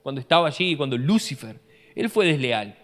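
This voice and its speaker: A man, a pastor preaching an animated sermon full of rhetorical questions, recorded in a church hall. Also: medium pitch, brisk. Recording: long church-hall reverb.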